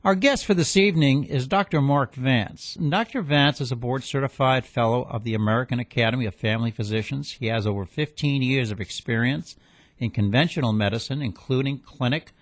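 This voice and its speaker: A man's voice: medium pitch, brisk, no room sound. A man hosting a radio health talk show, reading the intro and sponsor spots, then asking his guest questions with some hesitant fillers.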